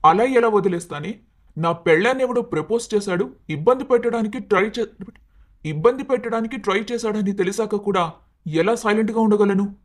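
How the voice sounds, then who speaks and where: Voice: mid-range voice, brisk, lightly acted. A performer voicing an earnest, hot-tempered young husband in a cartoon story, talking in a pleading, emotional way. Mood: angry. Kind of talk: Telugu storybook cartoon dialogue.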